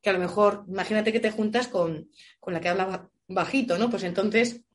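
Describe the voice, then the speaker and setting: A woman voice coach answering audience questions with lively, expressive advice. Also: mid-range voice, brisk. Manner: warm, expressive, illustrates with shouts and playful voices. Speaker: voice coach guest.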